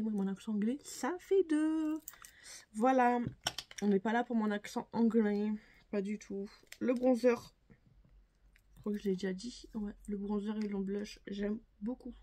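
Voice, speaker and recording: Chatty, mellow young woman reviewing makeup. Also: medium pitch, a little hiss or hum. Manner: chatty, hesitant, many fillers and restarts. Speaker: beauty vlogger. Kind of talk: casual makeup review to camera.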